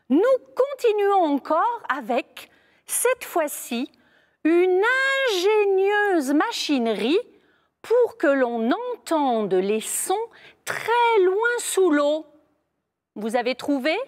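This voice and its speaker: Woman teacher, slow deliberate dictation, high expressive voice. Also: in a large hall. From France. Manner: slow, clear dictation with emphatic repeated words. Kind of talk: spelling lesson video.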